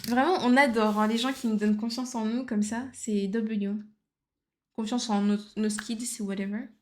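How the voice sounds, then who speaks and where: A woman's voice: fairly high pitch, steady tone, moderate pace, a little mellow. Chatty woman streaming while drawing. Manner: chatty, mixes English phrases into French; hums and mutters to herself while working. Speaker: art livestreamer. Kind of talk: casual livestream chat while drawing.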